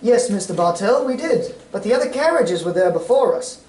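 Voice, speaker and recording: A man's voice: high voice, animated, fairly quick, darkish tone. A loyal doctor sidekick, played by a man in a radio play reading, inquisitive and given to telling the story. The voice sits back from the mic in a very echoey space. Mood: recounting. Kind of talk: old-time radio drama reading on stage. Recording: echoey stage recording, far from mic.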